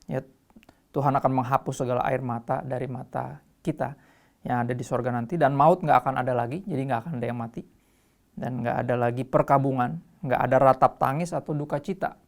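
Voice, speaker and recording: A man's voice: mid-range voice, brisk, creaky. Easygoing man teaching scripture. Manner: relaxed, conversational, explains scripture verse by verse. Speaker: host. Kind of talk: casual Bible teaching.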